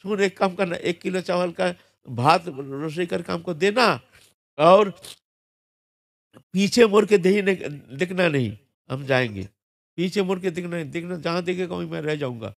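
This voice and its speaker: A man voicing a playful, calm divine boy-god. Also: high-pitched, moderate pace, vocal fry. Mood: instructing. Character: gentle, playful deity statue of young Krishna.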